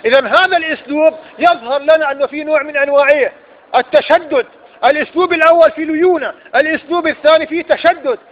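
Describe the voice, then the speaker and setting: A man's voice: extremely high pitch, quick pace. A man with an Egyptian accent giving a religious lecture, often asking rhetorical questions and repeating his points for emphasis. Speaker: preacher. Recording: dull lo-fi recording.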